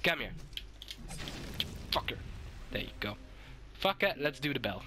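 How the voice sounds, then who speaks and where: A sick, hoarse man giving swearing, excitable let's-play commentary and shouting at the game. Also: mid-range voice, measured pace, noisy background. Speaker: gaming YouTuber.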